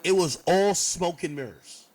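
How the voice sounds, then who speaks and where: A man's voice: high-pitched, unhurried, poor audio. A man on a stream telling a long story in a casual, profane way, acting out what people said. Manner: animated, profane, acts out quotes.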